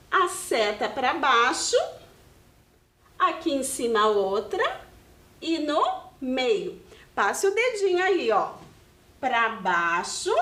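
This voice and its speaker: A Brazilian primary school teacher with a slightly high voice teaches young children in a video lesson, recorded in an echoey room. She speaks with a Brazilian Portuguese accent and explains patiently in a sing-song way.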